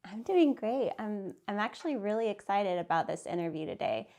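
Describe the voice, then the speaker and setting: A business owner in her thirties from Santa Fe, New Mexico, tells her story in a casual, chatty interview. Her voice is medium-pitched, warm and animated at a moderate pace, peppered with "like" fillers and light laughs.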